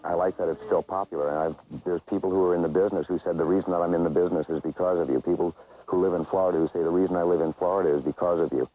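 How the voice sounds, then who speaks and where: A man's voice: sits low, fairly even intonation, rapid-fire, warm tone, low-quality recording. A man talking casually as an interviewee.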